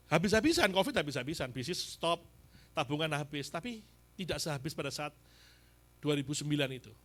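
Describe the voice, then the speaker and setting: A man's voice: a little high, fairly bright tone. A middle-aged man, giving an emotional testimony as an evangelist preacher in a church service and addressing the congregation directly. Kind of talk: testimony sermon.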